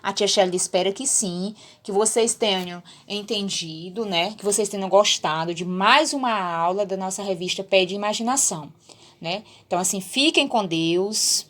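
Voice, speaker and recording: A woman's voice: medium pitch, normal speed, fairly bright tone. A woman with a Brazilian Portuguese accent, a primary school teacher giving a recorded lesson to children, patient and repeating herself as she checks they understood.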